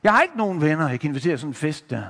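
A lonely tax collector nobody likes, put on by a man storyteller, complains in a plaintive, lower voice. The sound carries a long hall reverb. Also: very animated, a bit bright, heavily acted. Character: lonely, disliked adult male tax collector.

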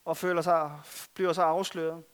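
High-voiced man preaching a sermon. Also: flat delivery, smooth. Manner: earnest, swings between loud stress and soft asides. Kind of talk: sermon with scripture reading.

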